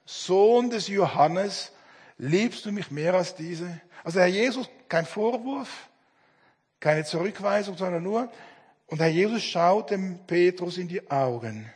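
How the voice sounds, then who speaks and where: A middle-aged man preaching a sermon, earnest, with dramatic pauses as he acts out quoted dialogue. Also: high voice, animated, husky. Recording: long hall reverb.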